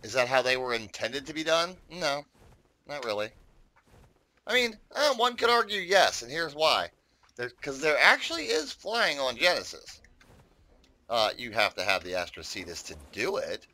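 A man's voice: mid-range voice, big pitch swings, normal speed, sharp tone. A man giving casual, rambling commentary on his own gameplay, chatting to viewers and swearing often. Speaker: gaming YouTuber.

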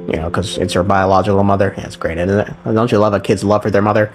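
Speaking quickly in a lowish voice with fairly even intonation, a man delivers a sarcastic, casual recap of a game's story. His humor is irreverent and profane. Background music plays under his voice.

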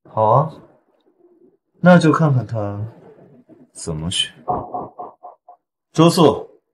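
A man playing a proud, jealous, domineering husband in a short melodrama, with a husky voice. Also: medium pitch, very animated, extremely slow, background noise. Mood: jealous anger. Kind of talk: melodramatic short-drama acting.

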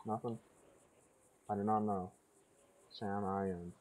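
A man's voice: on the low side, fairly even intonation, takes it slowly, a little mellow. A man giving gameplay commentary, rambling through confused asides to himself. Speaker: gamer.

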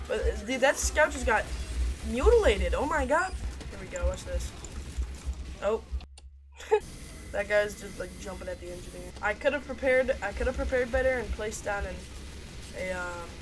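A woman's voice: mid-range voice, moderate pace, long pauses, soft background music. A woman doing rambling, chatty gameplay commentary, talking to her viewers as she plays. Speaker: gaming video creator.

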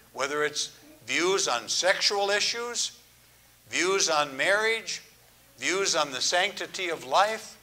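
Older man, preaching a sermon, very slow delivery, bright tone, earnest and measured. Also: a little high. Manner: earnest, measured, drawn-out phrasing with soft, hushed endings. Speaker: pastor. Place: church.

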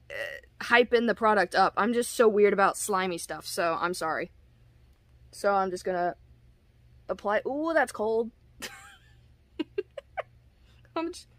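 A woman's voice: mid-range voice, fairly bright tone, dry recording. Giggly rambling woman reviewing a face mask. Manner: giggly, self-deprecating and rambling. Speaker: product reviewer. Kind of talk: casual product review vlog.

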